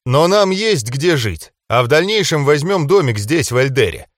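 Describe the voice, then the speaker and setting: A man's voice: on the high side, sing-song, normal speed, no room sound, clean studio sound, voice pushed up. A man voicing an earnest young man who speaks formally and seriously in an audiobook.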